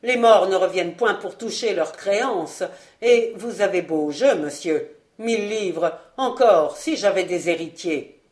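A woman's voice: on the low side, lively intonation, unhurried, darkish tone. A woman voicing a bold male servant with a dry, mocking way of talking.

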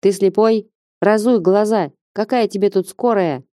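Женщина озвучивает грубого злобного мужика. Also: female voice, medium pitch, measured pace, dark tone, no echo, clean studio sound, voice pushed up, close to an everyday voice. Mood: snarling. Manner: snarling, contemptuous. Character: coarse aggressive grown man, foul-mouthed.

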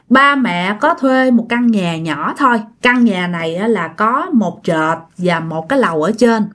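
A woman's voice: medium pitch, fairly bright tone. A woman with a Southern Vietnamese accent narrating ghost stories in a chatty, casual way and speaking straight to her listeners. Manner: chatty, addresses listeners directly. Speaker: storyteller.

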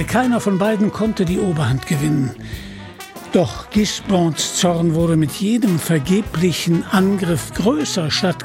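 Man narrating a radio story, slow and dramatic, highish voice. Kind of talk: scripted audiobook narration. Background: music.

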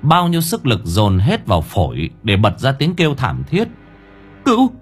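A man narrating an audiobook in a dramatic, expressive storytelling manner. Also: medium pitch, normal speed, husky, faint music behind.

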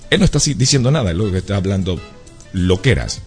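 A male radio host with a low voice speaks straight to his listeners in a chatty, repetitive way. His pitch swings lively as he explains. Faint music plays underneath. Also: fast. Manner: animated, addresses listeners directly, repeats points. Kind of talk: chatty live radio talk.

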